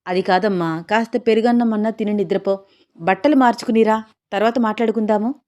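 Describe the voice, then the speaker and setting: A woman's voice: medium pitch, a little fast, a little mellow, close to an everyday voice. A woman voicing a caring, fussing middle-aged mother in a romantic audio story. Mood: coaxing.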